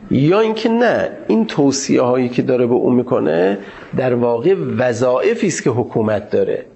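Gravelly male seminary lecturer. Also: mid-range voice, a little mellow. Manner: formal, measured, pauses to search for words. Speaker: teacher of Islamic jurisprudence.

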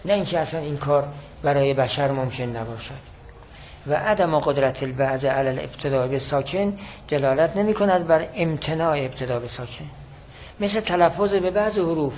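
A man teaching a class, explaining a classical text in a measured way and repeating his key points. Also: fairly high pitch, a little mellow, a little hiss or hum, rough recording.

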